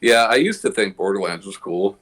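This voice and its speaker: A man's voice: on the low side, animated, brisk, fairly bright tone. A man in his late thirties, a podcast host, chatting casually in a laid-back, rambling way. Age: late 30s. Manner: laid-back, rambling with frequent "you know". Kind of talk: casual chat.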